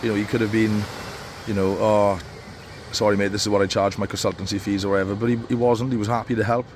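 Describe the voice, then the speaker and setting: Speaking from a beach with faint outdoor noise behind him, a man with a stuffy cold coaches barbers in a casual, rambling way. His voice is fairly low, level and a little mellow, and he talks quickly, full of fillers and restarts.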